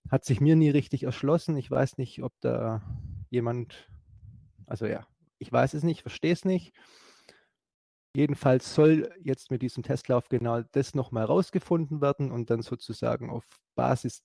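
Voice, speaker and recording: Gravelly, dark-voiced man explaining. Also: medium pitch, dry recording. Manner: hesitant, many fillers and restarts. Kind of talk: explanatory talk.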